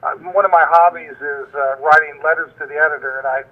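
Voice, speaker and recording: A man from Florida calling in to a live show over a clipped phone line, eager and halting, tripping over and repeating his words. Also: fairly high pitch, fairly even intonation. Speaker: caller. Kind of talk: call-in comment on live show.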